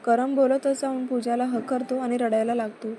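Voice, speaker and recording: A woman narrating a romantic serial story at a steady, even pace. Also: fairly high pitch, normal speed, a little hiss or hum.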